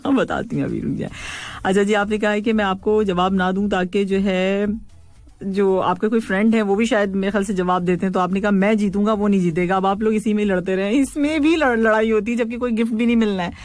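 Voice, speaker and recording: A woman's voice: mid-range voice, brisk, no room sound. A woman hosting a radio call-in show, reading listeners' messages and teasing them playfully, laughing often. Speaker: radio host.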